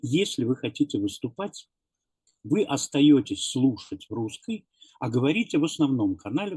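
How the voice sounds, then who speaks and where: Male interpreter, procedural announcement, hesitant with fillers, husky and mellow, dry close sound. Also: medium pitch, dry recording.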